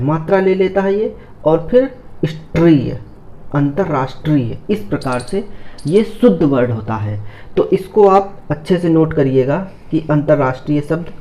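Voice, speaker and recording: A man teaching a spelling lesson, spelling out each word slowly, repeating it and asking whether students understood. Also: fairly high pitch, darkish tone, dull audio. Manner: slow, repeats each word several times, checks understanding.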